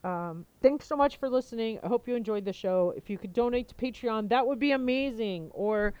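A woman with a clear, smooth voice and a slightly low pitch for casual talk hosts her podcast. She speaks informally, thinking aloud and wandering from point to point. The sound is low quality, picked up through a headphone mic. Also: a little fast, darkish tone, no echo, highs cut off. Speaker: podcast host. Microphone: headset, talking into headphones.

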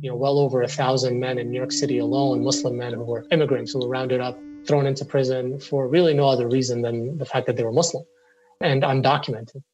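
A man's voice: mid-range voice, flat delivery, fast talker, darkish tone, dull audio, soft background music. A man in his forties, a lawyer from Syria who grew up in the Middle East, speaking earnestly in an interview with frequent restarts and repetitions. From Syria, raised in the Middle East.

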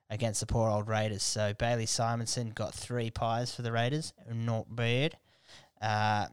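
A man's voice: medium pitch, clean tone, dry recording. Blokey Australian man, clean close dry sound. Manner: blokey, irreverent, heavy swearing and slang. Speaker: podcast host. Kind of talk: casual comedic monologue.

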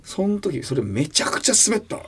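A man with a slightly husky voice co-hosts a radio talk show, telling a story with a lively pitch that swings widely. He builds into loud, laughing teasing of his partner. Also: brisk. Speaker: comedy duo member, radio host.

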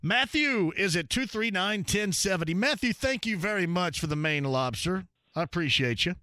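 Bright-voiced chatty radio host man. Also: sits high, animated, moderate pace, no echo, clean studio sound. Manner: joking, chatty, laughs often. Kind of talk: call-in radio show.

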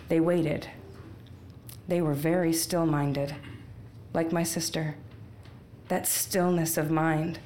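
A woman telling a personal story aloud, with wry, unhurried delivery and deadpan asides. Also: low-pitched. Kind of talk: live storytelling performance.

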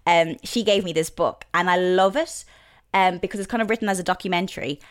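Speaking briskly in a low-leaning voice, this presenter and author in her thirties chats casually as an interview guest. She has an Irish accent and frequently uses fillers and restarts.

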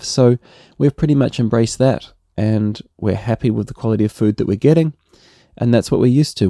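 A middle-aged man with a New Zealand accent, hosting a relaxed solo podcast and often tagging his points with "right?". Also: fairly low pitch, gravelly, no room sound, studio quality. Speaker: podcast host.

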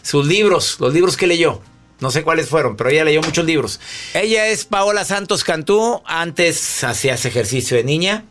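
A man hosting a talk show interview and asking questions in a lively, expressive way. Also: fairly high pitch, moderate pace, soft background music.

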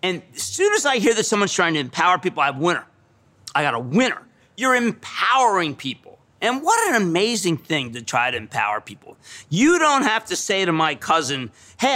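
Excitable, high-voiced middle-aged man. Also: fairly quick. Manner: excitable, emphatic, repeats phrases for effect. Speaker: guest. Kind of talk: animated storytelling in conversation.

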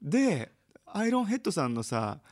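A man's voice: high-pitched, very animated, moderate pace, a little mellow. A young man co-hosting a podcast, telling a story in casual comedy chat, acting out quotes and laughing often. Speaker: podcast co-host.

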